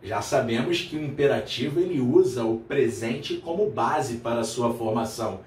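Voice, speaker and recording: A man's voice: mid-range voice, lively intonation, darkish tone, far from the mic, slight background noise. Man teaching grammar in an echoey room. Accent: Brazilian Portuguese. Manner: addresses viewer as "meu aluno", checks in with "tá legal?"; repeats key terms slowly for emphasis. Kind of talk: whiteboard grammar lesson.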